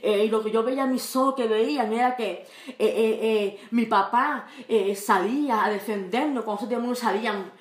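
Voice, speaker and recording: A woman giving an emotional religious testimony, halting and repeating words, rising high and loud when reliving fear. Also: echoey room. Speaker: testifying believer.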